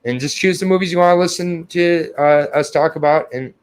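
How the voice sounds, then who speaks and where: A man's voice: fairly high pitch, brisk, clear, resonant tone. A young adult man co-hosting a podcast, talking casually with profanity and getting flustered. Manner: profane, self-deprecating, flustered. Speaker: podcast co-host. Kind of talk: casual chat.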